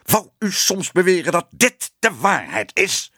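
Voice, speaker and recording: A man reading a storybook and voicing a pompous rich man who shouts with a trembling voice. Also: high voice, sing-song, drawn-out words, breathy edge, no echo, clean studio sound, voice pushed up, heavily acted. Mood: furious.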